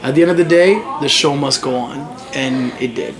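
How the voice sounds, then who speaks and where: Appearing as a musician guest, a young Congolese man chats at a normal pace in a mid-range voice. His storytelling is lively and packed with fillers, and crowd chatter fills the noisy background.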